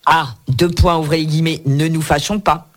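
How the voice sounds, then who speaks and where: A man's voice: on the high side, fairly even intonation, normal speed. A man hosting a radio book segment, presenting a cookbook in a chatty way with playful asides. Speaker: radio book show host. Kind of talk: reviewing books on air.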